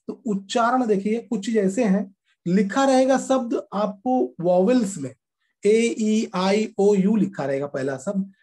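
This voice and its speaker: Mellow-voiced male teacher, patient. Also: high voice. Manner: explains slowly and repeats words, calls students children. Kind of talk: classroom grammar lesson.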